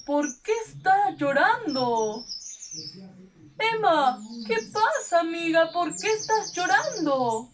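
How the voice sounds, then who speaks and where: A woman's voice: very high voice, very animated, slow pace, heavily acted. A woman with a Peruvian accent voicing a kind, cheerful male pet in a children's puppet show, reassuring and patiently explaining. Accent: Peruvian Spanish. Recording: voice from a distance off the mic.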